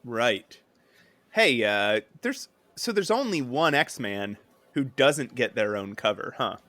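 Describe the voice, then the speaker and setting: Male podcast co-host, lively pitch, rambling casual delivery, dry close sound. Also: slow pace, no room sound. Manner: rambling, full of "like" and restarts. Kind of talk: casual comic-book chat.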